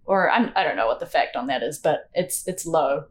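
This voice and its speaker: A woman's voice: sits low, expressive, a little fast. A woman with a New Zealand accent chatting as a podcast guest, giggly and full of fillers. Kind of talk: casual podcast chat.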